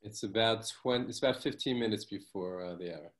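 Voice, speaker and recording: A man's voice: fairly low pitch, brisk. A man in the audience giving a brief, casual reply.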